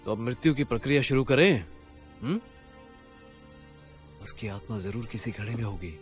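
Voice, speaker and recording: Guy dubbing a stern reaper, goes real quiet then loud, lively pitch, bit of music. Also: moderate pace, lightly acted. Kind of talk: Hindi dub of a drama series.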